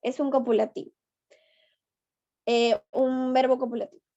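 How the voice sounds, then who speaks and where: A woman's voice: sits high, level tone, moderate pace, dark tone. A woman teacher, taking her class step by step and patiently coaxing answers out of her students. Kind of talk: online class lesson. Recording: dull lo-fi online class audio.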